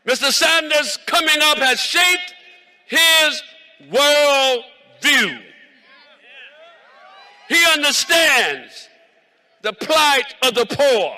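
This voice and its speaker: A man from South Carolina with a drawl, giving a rousing rally speech outdoors in the cold. He speaks like a preacher, shouting lines and repeating his openers. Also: very high-pitched, expressive, very slow, pauses often, poor audio. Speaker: reverend and state representative speaking at a rally.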